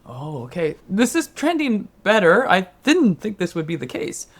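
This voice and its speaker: A man co-hosting a casual podcast chat, telling stories in an animated, jokey way. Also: high voice, normal speed. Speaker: podcast co-host.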